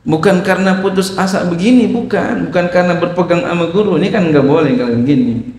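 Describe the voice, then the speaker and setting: Gravelly man teaching in an echoey hall. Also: high voice, fast talker, a little mellow. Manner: explains Arabic text phrase by phrase, asks the audience questions. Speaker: Islamic teacher. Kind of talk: sermon.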